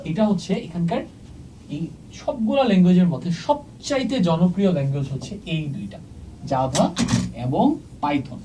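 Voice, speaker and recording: A teacher gives an exam-prep lesson while marking a chart, checking in with the class every few phrases and slipping English words into the explanation. The voice is mellow and a little distant from the mic, with faint room noise under it. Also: mid-range voice. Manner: checks in often with "okay?"; mixes English words into speech. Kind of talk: exam-prep lecture at a board.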